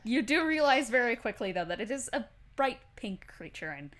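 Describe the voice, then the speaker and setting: A woman running a tabletop game as game master, describing scenes in a drawn-out, halting, dramatic way. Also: a little high, very animated, a crowd in the background. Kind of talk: improvised tabletop game narration.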